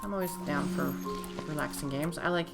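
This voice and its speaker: A woman streamer, hoarse and losing her voice, chatting casually while playing a game at home. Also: low-pitched, brisk. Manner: chatty, rambling, self-interrupting. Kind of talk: casual live gameplay commentary. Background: game music.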